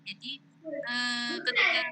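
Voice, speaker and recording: Woman moderator, slightly high voice, halting question-reading over a choppy, breaking-up line with clear noise behind. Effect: connection breaking up, voice cutting in and out. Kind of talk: live question-and-answer session. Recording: noisy, breaking-up remote line.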